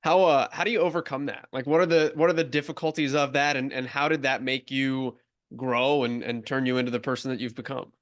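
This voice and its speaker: A man's voice: mid-range voice, fairly even intonation, a little fast. A man hosting a sports podcast, asking questions in a conversational way with some fillers. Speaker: podcast host. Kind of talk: interview questions.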